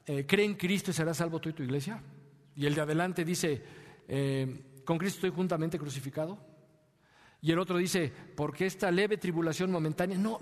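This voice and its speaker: Mexican male pastor, fairly high voice, sermon in a long-echo church hall, rhetorical questions, sudden quiet asides. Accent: Mexican Spanish. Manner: preaching with rhetorical questions and sudden drops to a soft, low voice.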